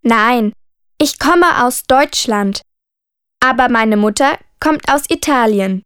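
A woman voicing a friendly schoolgirl in a textbook listening dialogue, speaking slowly and clearly. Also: fairly high pitch, lively intonation, fairly bright tone, dry recording, clean studio sound. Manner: slow, careful, clearly spoken.

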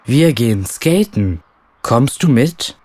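A woman acts a helpful schoolboy in a language-course dialogue. The voice is pushed very low, with a lively rise and fall, and the words come slowly. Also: heavily acted. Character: schoolboy offering help to a friend. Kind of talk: textbook listening dialogue.

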